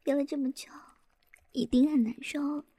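A young woman in an intimate whispered roleplay, soft, teasing and coaxing, with a breathy voice. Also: sits high, steady tone, moderate pace, no echo.

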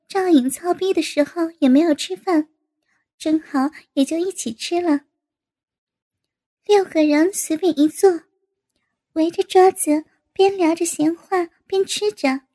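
A woman narrates a story in a steady, even reading. Her voice sits very high. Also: unhurried.

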